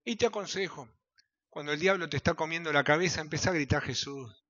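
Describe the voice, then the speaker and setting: A pastor with a Rioplatense Spanish accent delivers a fast, fiery evangelical sermon, his high, bright voice cutting through a dull, lo-fi recording. He swings between shouted appeals and low, urgent murmurs.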